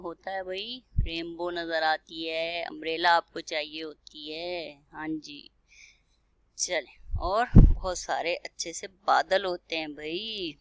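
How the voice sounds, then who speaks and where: A woman teacher with a fairly low voice speaks to small children, sounding out each word slowly letter by letter. She keeps pausing to ask whether they follow. The recording is close and dry, with no room sound. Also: a bit bright, no echo. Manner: spells words letter by letter, slows down to sound them out; keeps asking the children questions and checking "okay?". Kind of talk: recorded classroom lesson.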